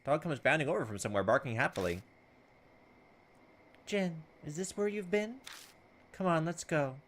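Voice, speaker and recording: A man's voice: fairly high pitch, expressive, normal speed, a bit bright, slight background noise. A man giving casual, chatty commentary on a video game, reading its text aloud and talking back to it. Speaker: gaming video host. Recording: music behind the voice. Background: video game music.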